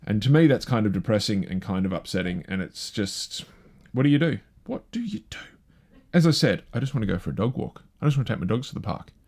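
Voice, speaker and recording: A man's voice: fairly low pitch, lively intonation, fast, darkish tone. Rambling male live-show host. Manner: rambling, chatty, self-deprecating. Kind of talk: casual live show chat.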